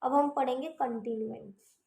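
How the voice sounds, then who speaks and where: A woman's voice: sits high, fairly even intonation, normal speed, vocal fry, dark tone, roomy sound. A woman teaching shorthand in casual Hindi with English terms. She keeps checking understanding with "theek hai". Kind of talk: casual classroom explanation.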